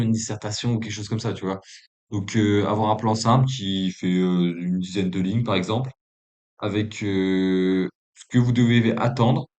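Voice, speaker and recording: A man with a fairly low voice talks through trading basics in a relaxed, informal way. He pauses often with "euh" and restarts his sentences. His French carries a non-native accent. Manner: hesitant, many fillers, relaxed and informal. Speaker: trading coach. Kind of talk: casual explanatory lesson.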